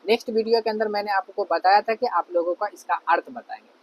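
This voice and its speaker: A man's voice: high-pitched, quick pace, lo-fi sound, a little hiss or hum. A man teaching an online grammar lesson, often checking in with "है ना" and asking questions. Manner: repeats "है ना" and asks questions to check understanding.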